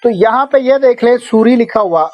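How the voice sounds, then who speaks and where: A man's voice: very high-pitched, expressive, normal speed, highs cut off, soft background music. A man with a Pakistani Urdu accent teaching an online Bible and Hebrew lesson over a video call, patiently checking in with his students. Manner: patient, often checking in with "okay?".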